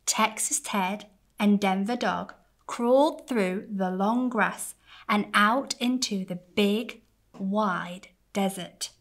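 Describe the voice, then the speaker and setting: A woman reads a children's story aloud at a slow, gentle pace. Her voice sits a little high and sounds bright and clear, and she is expressive the way a church families coordinator is at storytime.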